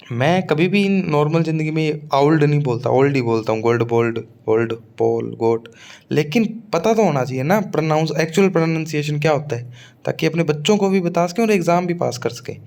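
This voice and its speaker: A man's voice: fairly high pitch, a little mellow. A man with a Rajasthani accent teaching an exam-prep English phonetics lesson, repeating each example word aloud. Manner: drills words by repeating them aloud. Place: Suratgarh, Rajasthan.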